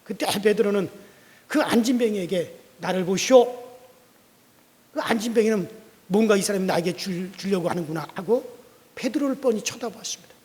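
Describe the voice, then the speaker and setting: A man's voice: high-pitched, fairly quick. A male pastor telling a story in a sermon in a church sanctuary, vivid and dramatic. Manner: vivid storytelling, acting out quotes loudly. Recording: long church reverb.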